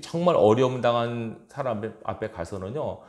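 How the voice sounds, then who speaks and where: A man's voice: medium pitch, expressive, fairly quick. A male pastor preaching a fervent, emphatic sermon in a church sanctuary. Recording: roomy church echo.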